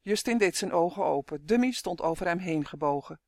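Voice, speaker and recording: A man's voice: sits high, lively intonation, brisk, darkish tone, no room sound, studio quality. A man narrating a fantasy storybook in a vivid, dramatic reading. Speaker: audiobook narrator.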